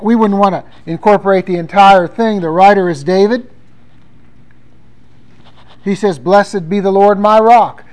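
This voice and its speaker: High-voiced male pastor preaching. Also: clear, resonant tone, poor audio. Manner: conversational preaching, reading scripture aloud with emphasis. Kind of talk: sermon.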